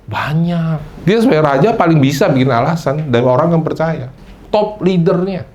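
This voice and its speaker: A male pastor preaching a sermon, lively and conversational, slipping into English phrases and acting out people's excuses in a higher voice. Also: normal speed, lo-fi sound.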